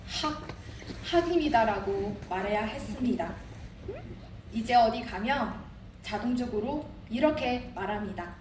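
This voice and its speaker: A woman's voice: a little high, darkish tone. A young woman from Inner Mongolia, China, with a Chinese accent, delivers a rehearsed contest speech as an international student in an earnest, declamatory way. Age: young adult. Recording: roomy, distant mic, audible background noise.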